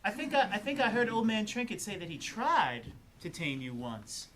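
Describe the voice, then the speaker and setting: A man's voice: high-pitched, very animated, normal speed, a bit bright. Earnest carnival strongman, played by a man, sentimental and melodramatic, live improv stage with faint noise. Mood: challenging. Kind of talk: live improv comedy scene.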